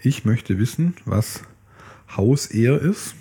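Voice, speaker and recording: Husky man reading aloud and joking. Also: medium pitch, lively intonation, slow pace, warm tone. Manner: jokey, interrupts his own reading with asides. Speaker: podcast co-host reading a fairy tale aloud. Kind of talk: casual chat with read-aloud passages.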